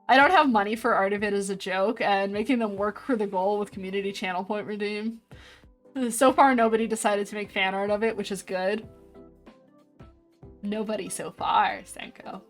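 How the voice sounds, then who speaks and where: A woman in her early twenties talks casually to her viewers at a desk microphone, reading out their messages and breaking into frequent laughter. Her pitch sits in an ordinary middle range. Soft music plays faintly behind her. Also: normal speed. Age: 20s. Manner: chatty, reads chat aloud, laughs often. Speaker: streamer. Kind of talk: casual chat with viewers while drawing. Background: faint background music.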